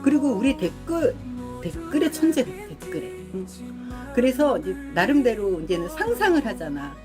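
A middle-aged woman hosts a casual live stream, talking loosely to her viewers with a lively, swooping pitch. She laughs easily and clears her throat often between remarks. Music plays clearly in the background. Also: normal speed. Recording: music playing behind.

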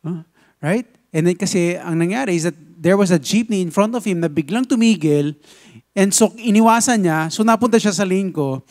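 A pastor with a Filipino accent preaching a sermon, telling a lively story and switching between Tagalog and English. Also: high-pitched, fairly quick.

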